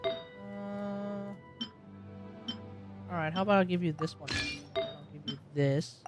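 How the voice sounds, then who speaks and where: A young Australian streamer rambles while gaming, musing to himself and talking to viewers between abrupt loud outbursts. The medium-pitched voice moves slowly, the sound is lo-fi, and loud music plays behind him.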